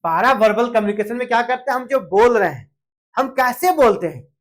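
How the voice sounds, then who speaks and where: A woman's voice: a little high, animated, normal speed. A woman teaching an exam coaching lecture, explaining step by step, often checking in with fillers and acting out short example phrases.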